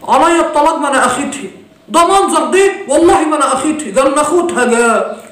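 A woman's voice: high-pitched, expressive, fast talker, a bit bright. A woman with an Egyptian accent playing a stubborn, bossy father who scolds his daughter and swears oaths. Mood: angry blustering. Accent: Egyptian Arabic. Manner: gruff, blustering, swearing oaths. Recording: roomy echo, voice from off-mic.

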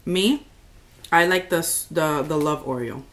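A woman's voice: sits low, a little slow, fairly bright tone, a little hiss or hum. A woman in her thirties chatting casually as a mother co-hosting a family taste test at home. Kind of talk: casual family vlog chat. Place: small room at home.

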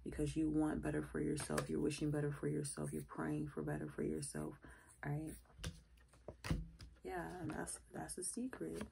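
A woman's voice: deep voice, normal speed, gravelly, noisy background. A woman giving a casual tarot reading to her viewers, blunt and full of cursing, her voice sounding off from its usual self, recorded on a phone. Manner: blunt, cursing, repeats "all right?". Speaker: tarot reader.

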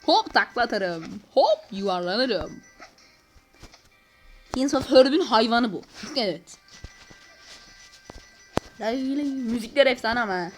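High, lively young-sounding woman gaming. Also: unhurried, faint music behind. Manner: slangy, loud sudden exclamations. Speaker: gameplay channel host. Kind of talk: excited gameplay commentary.

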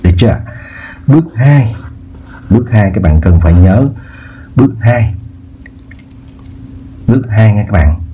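A man's voice: fairly low pitch, animated, measured pace, long pauses, mellow. A man teaching a math lesson in a casual way, often repeating words and checking in with his viewers. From southern Vietnam. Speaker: math tutor. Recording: faint background noise.

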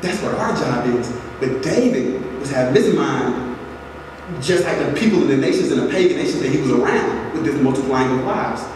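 A man's voice: medium pitch, expressive, moderate pace. Young male preacher in an echoey sanctuary. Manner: earnest, preacherly, with repetitions and direct appeals. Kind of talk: sermon. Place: large church sanctuary. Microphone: pulpit mic, filmed from far back in the pews. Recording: echoey hall from far off, audible noise.

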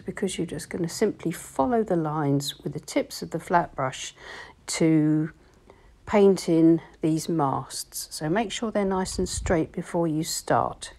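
A woman, calmly explaining each step of a watercolour painting tutorial in voice-over. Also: on the low side. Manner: calm, explanatory, gently instructive. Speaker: watercolour teacher.

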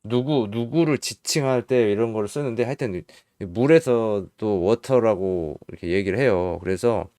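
A man teaching English spelling in Korean, slowly spelling out letters and repeating each sound patiently. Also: fairly low pitch, dark tone, dry recording. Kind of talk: casual spelling lesson.

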